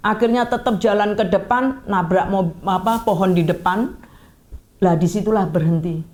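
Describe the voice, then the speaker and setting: A woman in church ministry telling her own testimony in a lively way, acting out her own cries and prayers. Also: mid-range voice, normal speed.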